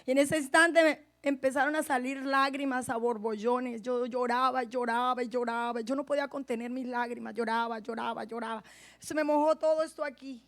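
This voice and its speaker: A woman pastor shares her conversion story as a testimony in her sermon, addressing the congregation directly with passionate, personal delivery. Her high, bright voice keeps fairly even intonation at a normal speed, shifting between quiet, intimate moments and loud, forceful declarations.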